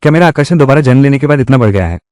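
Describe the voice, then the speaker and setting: A man's voice: medium pitch, animated, rapid-fire, a little mellow, no room sound, clean studio sound, close to an everyday voice. A man dubbing a reborn young male college student, cheeky and self-assured, with playful, wry asides. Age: young adult. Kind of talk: dubbed drama dialogue.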